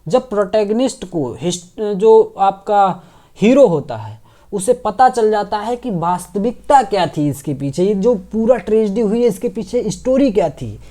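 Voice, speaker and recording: A man teaching an exam-prep lesson, reading English questions slowly and explaining them in Hindi, often checking in with his listeners. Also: high voice, dark tone. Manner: frequent "ठीक है" and "है ना" check-ins.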